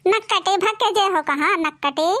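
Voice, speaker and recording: A woman's voice: very high voice, normal speed, pushed and bright. Woman voicing a scolding old village mother-in-law. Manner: scolding, sulky and aggrieved. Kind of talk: cartoon comedy voice acting.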